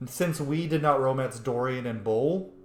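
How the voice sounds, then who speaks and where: Here a young man streams a game and offers casual, excited commentary in a medium-pitched voice that runs a little slow. Faint game music plays in an echoey room.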